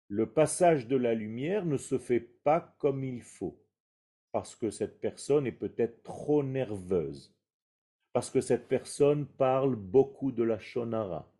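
A man's voice: medium pitch, warm tone, slightly rough. A man giving a spoken Kabbalah lesson, explaining patiently with rhetorical questions and Hebrew terms mixed in. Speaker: Kabbalah teacher.

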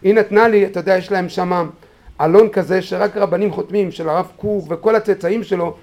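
A man speaking at a memorial gathering, telling a personal story in an animated way and acting out quotes with sudden shouts, then urging his listeners on fervently. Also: sits high. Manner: animated, acts out quotes with sudden shouts, many fillers and restarts. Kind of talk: personal storytelling eulogy, turning into fervent exhortation.

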